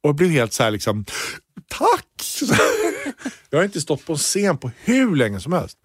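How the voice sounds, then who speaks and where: Excitable man telling comedy stories. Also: breathy edge, no room sound, clean studio sound. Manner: animated storytelling, restarts, voice jumps high when excited. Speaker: podcast co-host, stand-up comedian. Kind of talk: casual podcast chat.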